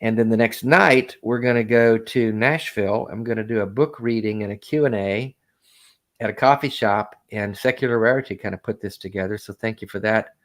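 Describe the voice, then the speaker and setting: A man hosting a call-in talk show, chatting casually with a guest, animated and often laughing. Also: lowish voice, fairly quick. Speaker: host. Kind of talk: casual chat.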